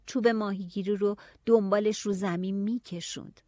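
A woman narrating a novel in the first person, telling it in a lively, expressive way. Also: medium pitch, dry recording. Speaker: audiobook narrator.

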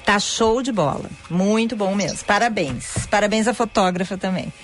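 A woman's voice: medium pitch, moderate pace. A woman hosting a show with casual, playful chat. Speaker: show host.

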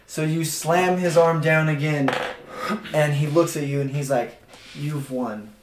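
A man's voice: fairly high pitch, steady tone, a little slow. A man runs a tabletop game as dungeon master, narrating in a casual, joking way. He is recorded in an echoey room with a faint hiss behind him. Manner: casual, laughs at his own narration.

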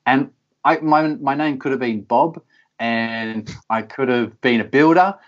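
A man's voice: mid-range voice, a little slow, dull audio. A man speaking candidly in an interview, earnest, often repeating words to stress a point. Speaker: podcast guest.

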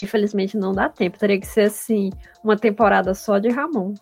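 A woman's voice: mid-range voice, fairly even intonation, fairly quick, creaky, a little mellow, slightly rough, soft background music. A woman hosting a podcast, speaking casually and directly to keep things on schedule. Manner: keeps the show on schedule, direct and organizing. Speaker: podcast host. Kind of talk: casual chat.

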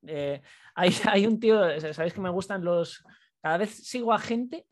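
A man from co-hosting a casual podcast, talking in a relaxed, rambling way with frequent restarts. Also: high voice, moderate pace. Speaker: podcast co-host. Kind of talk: casual chat.

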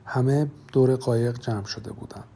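A man narrating an audiobook in a measured, dramatic storytelling manner. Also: medium pitch, vocal fry, mellow, slight background noise.

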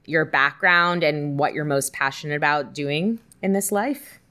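A woman's voice: sits low, unhurried, bright, forceful tone. A woman co-hosting a podcast, introducing a guest in an upbeat, enthusiastic, casual way. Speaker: podcast co-host.

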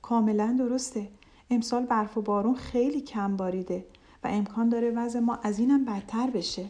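A cheerful, loyal duck from a children's fable chimes in with eager enthusiasm, as a woman storyteller puts it on. The voice is warm and mellow, on the high side for a woman. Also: steady tone, natural voice.

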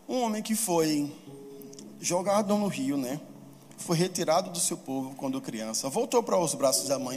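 A man preaching a sermon who talks fast, gets excited and acts out pleading quotes in a raised voice. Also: a little high. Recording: long hall reverb with faint music.

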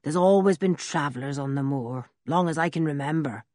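A woman voicing an old male village blacksmith who tells a story slowly and in a rustic way, with a husky voice. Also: low voice, darkish tone, no echo, studio quality, natural voice. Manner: slow, drawn-out, rustic storytelling. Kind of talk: audiobook character reading.

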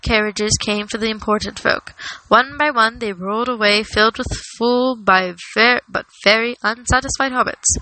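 A woman reading a novel aloud in a plain, steady way, with small slips. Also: mid-range voice, slight background noise, low-quality recording. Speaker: reader.

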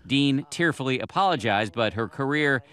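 A man's voice: medium pitch, expressive, normal speed, a bit bright. An American man narrating a scripted news report as a reporter.

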